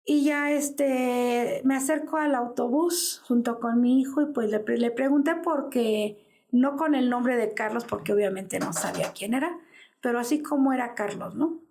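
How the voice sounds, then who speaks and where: A woman's voice: fairly high pitch, normal speed, darkish tone. A woman in her fifties with a Mexican Spanish accent, giving an interview as the mother of a missing man and telling an anguished story that acts out the dialogue. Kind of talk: personal testimony in an interview.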